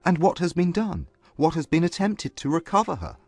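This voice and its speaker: Man to play grave, restrained period gentleman for audiobook drama. Expressive intonation, earnest and formal, dry sound over clear music. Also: fairly high pitch, normal speed, dry recording, heavily acted. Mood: concerned.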